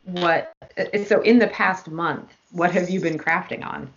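A woman co-hosting a casual chat, emphatic and quick to agree. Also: lowish voice, fairly even intonation, lo-fi sound, slight background noise. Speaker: podcast co-host.

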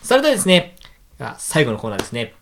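A man's voice: mid-range voice, huge pitch swings, rapid-fire, creaky, a bit bright, slight background noise. A man co-hosting a casual podcast chat, asking polite questions and answering with short nods. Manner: polite, attentive, short listener replies.

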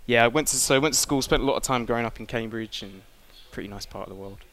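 A man's voice: medium pitch, quick pace, a bit bright. An English man, a racing driver guest, chatting casually with a dry, self-deprecating humor. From England. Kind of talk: casual podcast chat.

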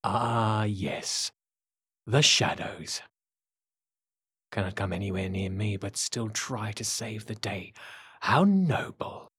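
A man voicing a cruel, scheming male villain in an audiobook, taunting slowly and menacingly. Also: lowish voice, fairly bright tone, breathy edge, no room sound, studio quality, heavily acted. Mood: mocking menace. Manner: taunting, slow and menacing, sometimes whispering. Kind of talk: audiobook character voice.

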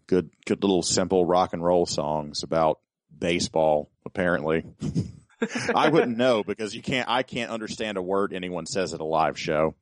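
A man's voice: sits low, dry recording. A man co-hosting a podcast in a casual chat, rambling and often repeating his words as he starts a thought. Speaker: podcast co-host.

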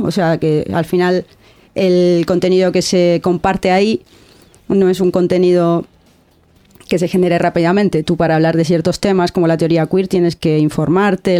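A woman's voice: lowish voice, warm tone. A woman from Argentina with an Argentine accent, a guest content creator talking earnestly in a casual interview, often restarting words and adding "¿no?". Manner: earnest, reflective, frequent restarts and filler "¿no?".

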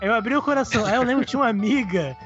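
Brazilian man, co-host, quick and high, sheepish storyteller, muffled audio, soft music underneath. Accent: Brazilian Portuguese. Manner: quick, sheepish anecdote telling. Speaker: podcast co-host. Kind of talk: casual storytelling chat.

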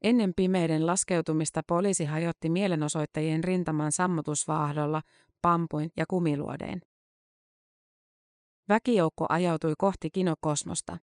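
A narrator reads a long-form news article from a script, handling dates and figures with an even, measured delivery. The voice sits at a medium pitch, and the recording is dry and studio quality.

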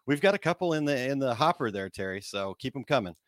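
A man's voice: medium pitch, lively intonation, fast talker, no echo, studio quality. A man with a Missouri accent chatting casually and folksily as a podcast co-host. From Missouri, United States. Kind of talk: casual chat.

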